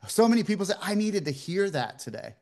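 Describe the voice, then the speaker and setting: A man in his fifties, a podcast guest, telling his story in a relaxed, rambling way. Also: high voice, quick pace, gravelly. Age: 50s. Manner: relaxed, rambling, many fillers like "you know". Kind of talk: casual interview storytelling.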